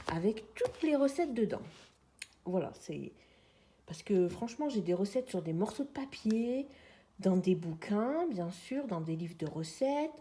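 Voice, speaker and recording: A woman's voice: mid-range voice, dark tone, a little hiss or hum. A woman in her forties chatting casually to the camera at home while sorting things, calling her viewers friends. She is on a tripod, with the mic on the far side of her. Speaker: vlogger. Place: at home, sitting on the floor.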